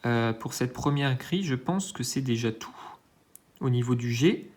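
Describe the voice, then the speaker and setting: A man's voice: mid-range voice, expressive, moderate pace, a little mellow. A man hosting his own channel, giving hesitant, think-aloud commentary while scratching lottery tickets, with self-mocking asides and lots of filler sounds. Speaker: scratch-card channel host.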